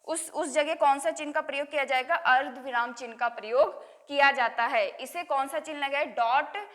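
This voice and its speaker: A woman's voice: sits high, normal speed, a bit bright. A woman school teacher, giving a grammar lesson and answering her own questions. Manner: asks questions and answers them herself.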